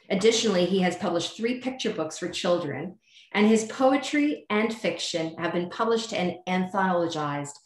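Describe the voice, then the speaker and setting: A woman hosting an online event, introducing the next speaker by reading his bio in a measured way. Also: lowish voice, echoey room. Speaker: host and moderator. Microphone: video call.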